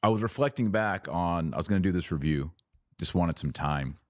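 An expressive podcast host with a very low voice talks through a film review in an earnest monologue at a normal pace, pressing firmly on words for emphasis. The audio is dry and close to the microphone.

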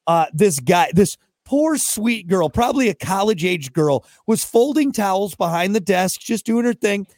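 In a podcast studio, a male co-host with a high voice rants and tells stories amid casual banter, an animated storyteller. He talks at a normal speed, and the sound carries no echo.

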